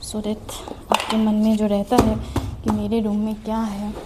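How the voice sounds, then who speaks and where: Heavy background noise surrounds a young woman student chatting through a desk tour as she tidies her study desk at home. Her medium-pitched voice is completely flat and a little slow. She's slightly breathless, self-mocking and chatty, with English phrases mixed in.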